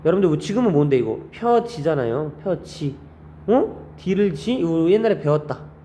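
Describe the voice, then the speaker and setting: Brief: male teacher, fairly high voice, animated lecture full of quiz questions, faint noise behind. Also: moderate pace. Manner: quizzing students with constant rhetorical questions; lively, animated delivery with frequent pitch jumps. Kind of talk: classroom lecture on Korean grammar.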